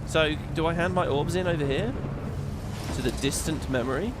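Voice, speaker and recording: A man's voice: fairly high pitch, normal speed, heavy background noise. A man giving casual, opinionated gameplay commentary as a streamer, swearing freely. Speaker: game streamer. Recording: game music behind the voice. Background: game music.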